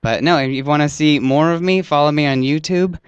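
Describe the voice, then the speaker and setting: A man's voice: on the high side, brisk, smooth, dry recording, muffled recording. A young man, a comedian, chatting as a guest in a radio interview, rambling and self-mocking and often trailing off.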